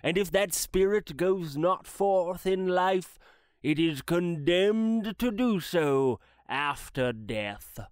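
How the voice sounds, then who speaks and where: A grave, sorrowful old spirit, played by a man, delivers each line slowly, as if every word weighs on him. The voice sits slightly high and rings smooth and clear. It is recorded close and dry. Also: expressive, darkish tone, no room sound. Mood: mournful. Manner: slow, grave, mournful pronouncements. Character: ghost of a dead old businessman, solemn and regretful. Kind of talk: dramatized classic story reading.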